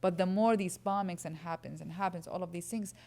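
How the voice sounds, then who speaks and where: A woman's voice: on the low side, brisk, vocal fry, a little mellow. A woman from Iraq, earnestly explaining as a guest speaker answering audience questions at a lecture.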